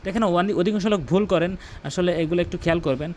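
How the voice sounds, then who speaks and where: A man teaching Quran recitation in a lesson, explaining each sound and then chanting the verse slowly. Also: sits high.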